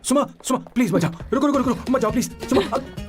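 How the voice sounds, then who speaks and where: A man's voice: high voice, sing-song, quick pace, over music. A pleading lovesick young man. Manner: emotional, pleading. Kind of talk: Hindi film dub.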